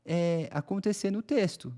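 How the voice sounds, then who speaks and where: A man's voice: high voice, a little slow, mellow. A man with a Brazilian Portuguese accent explaining a reading lesson to teachers in a conversational way, often checking in with his listeners. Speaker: educator.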